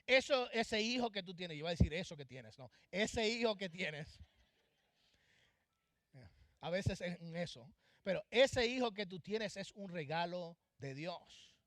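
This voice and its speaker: A man with a fairly high voice delivers an impassioned sermon, rising to loud, urgent exhortation and then dropping to hushed, pointed asides. His voice is dry and close, with little room sound. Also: animated, unhurried, no room sound. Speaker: pastor. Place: church.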